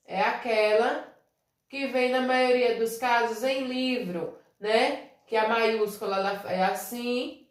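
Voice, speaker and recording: With patience and a slow pace, a Brazilian primary school teacher guides young children through a simple review, her slightly high voice ringing in a reverberant room. She calls herself "tia," keeps checking they follow with "né?" and "certo?", and pulls words apart syllable by syllable, in a Brazilian Portuguese accent.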